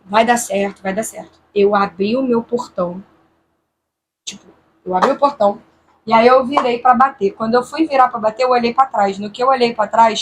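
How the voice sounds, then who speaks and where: A woman's voice: fairly high pitch, a little hiss or hum. A woman vlogger from Brazil, casually and tensely retelling a frightening night to camera, voicing her own thoughts as she goes. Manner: animated, tense retelling with quoted inner thoughts.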